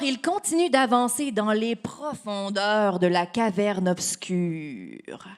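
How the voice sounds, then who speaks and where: A storytime reader with a Québécois French accent and a fairly high, fairly bright voice reads aloud to children. She keeps things playful and chatty, often laughing and asking the children questions.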